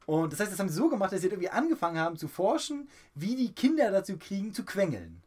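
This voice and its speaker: A man's voice: fast, slightly rough. A man co-hosting a podcast in casual banter, rambling and joking as he talks. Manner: rambling, joking, lively swings in pitch. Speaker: podcast co-host.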